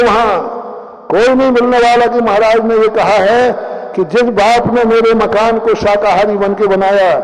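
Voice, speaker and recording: A man, a monk preaching a sermon with impassioned rhetorical questions, swinging between loud and hushed. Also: high-pitched, in a large hall, rough recording.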